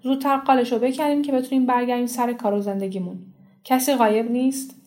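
A woman's voice: on the high side, fairly even intonation, darkish tone, natural voice. A woman reading the part of a matter-of-fact male village official in an audiobook story. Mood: businesslike. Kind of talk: audiobook character voice.

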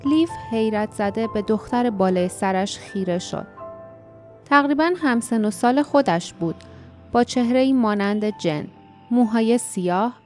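A woman narrating a fantasy audiobook in a measured, expressive storytelling voice. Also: medium pitch.

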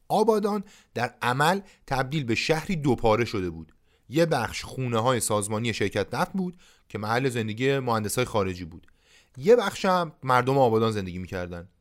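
A man's voice: medium pitch, sing-song. A man hosting a storytelling podcast, narrating from a script in a conversational tone with casual asides. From Iran. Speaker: podcast host.

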